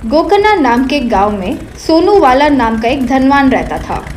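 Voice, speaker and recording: A woman narrating a comic cartoon story in a steady storytelling manner. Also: high voice. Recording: faint background music.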